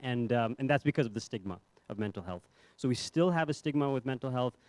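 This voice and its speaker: A young man gives a talk at a medical conference in an easygoing, self-deprecating way, filling it with ums and restarts. His voice sits at an ordinary middle pitch. The mic sound is dry and close, with no room echo. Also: animated, quick pace, a little mellow. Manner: conversational, self-deprecating, many fillers and restarts. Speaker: psychiatrist giving a conference talk. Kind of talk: conference presentation. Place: hotel ballroom.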